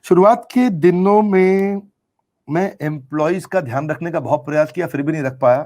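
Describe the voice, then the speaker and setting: A man's voice: fairly high pitch, moderate pace, darkish tone. A middle-aged man answering interview questions in an earnest, emphatic way, repeating key phrases for effect. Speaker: business coach being interviewed.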